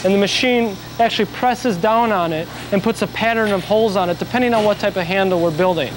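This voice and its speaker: High-voiced man explaining on a noisy factory floor. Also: fast talker. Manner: plain, informative, steady explainer. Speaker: factory guide explaining brush making. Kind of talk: on-site factory tour explanation. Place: factory floor with machines running.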